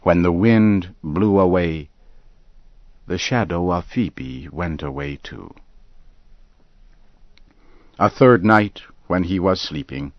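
Male narrator, story reading, calm, measured, very low voice, slow pace, slightly muffled recording. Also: dry recording.

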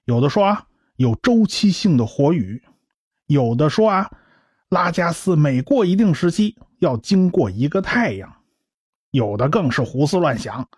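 In a Chinese radio drama, a man plays a cocky, talkative scientist and science populariser, brash and lively, who blusters through explanations and stories. His voice is a little high and a little mellow with a breathy edge, lively in intonation and a little slow, recorded dry with clean studio sound.

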